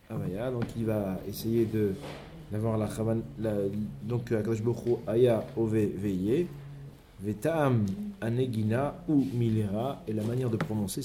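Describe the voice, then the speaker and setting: A man's voice: lowish voice, noisy background. A man teaching a Torah study lesson, explaining step by step and mixing in many Hebrew terms.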